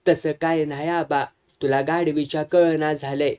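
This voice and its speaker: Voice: mid-range voice, flat delivery, moderate pace, a little mellow, smooth, close to an everyday voice. A reader voicing a chatty, uneasy village barber who coaxes in rural dialect. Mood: coaxing.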